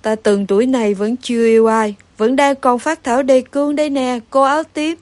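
A woman's voice: high-pitched, fairly even intonation, brisk, darkish tone, no echo, natural voice. A woman voicing a witty, kindly old male horse who jokes in a folksy way, in a storybook reading. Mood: joking. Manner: joking, folksy.

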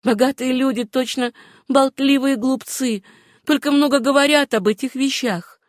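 A woman reading an audiobook voices a gentle, wistful young woman with a hard past, speaking softly. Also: high-pitched, normal speed, no echo, clean studio sound, pitched above the performer's own voice, natural voice. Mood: bitter.

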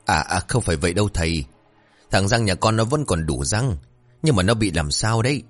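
A man's voice: deep voice, expressive, slightly rough, soft background music. Man doing a pleading worried old father. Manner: pleading, fast-talking.

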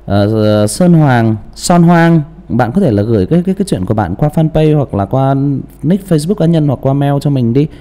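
With a medium-pitched voice at normal speed and few pauses, this male audiobook narrator casually discusses character voices. He's animated, often repeating and restarting what he says, and keeps asking the listener rhetorical questions.

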